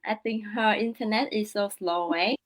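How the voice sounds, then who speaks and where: A woman with a Vietnamese accent hosting a casual livestream over a video call, talking with many fillers and pauses. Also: mid-range voice. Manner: hesitant, many fillers, broken English. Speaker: livestream host.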